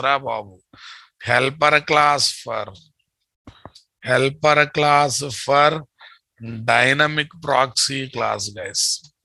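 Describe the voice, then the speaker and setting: Bright-voiced Telugu-accented man teaching. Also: a little high, dry recording, low-quality recording. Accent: Telugu Indian. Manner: repeats phrases, often checks in with students. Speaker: programming teacher. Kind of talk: live coding lesson.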